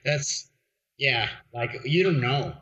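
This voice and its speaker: A man's voice: medium pitch, expressive, slow, a bit bright. A man from Mexico, a guest in a casual interview, rambling with lots of fillers and restarts. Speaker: podcast guest. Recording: dull lo-fi audio.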